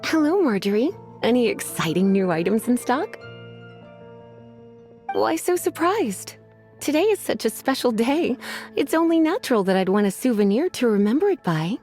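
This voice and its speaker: A woman's voice: fairly high pitch, big pitch swings, normal speed, a little mellow. An actress playing a languid, teasing woman librarian who drawls and sighs, in a game with faint music behind. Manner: drawling, sighing, sultry teasing.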